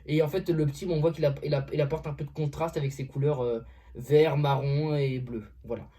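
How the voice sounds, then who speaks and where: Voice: mid-range voice, fairly even intonation, a little fast, dark tone. A music reviewer in a casual vlog, talking hesitantly with many fillers and restarts and often saying "voilà".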